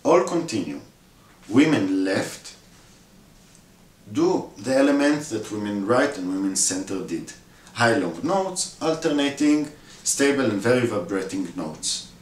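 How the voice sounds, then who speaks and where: Slow low-voiced man explaining a score. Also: very animated. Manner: demonstrates sounds with his own voice, many fillers. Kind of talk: instructional walkthrough. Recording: echoey room, voice from far off.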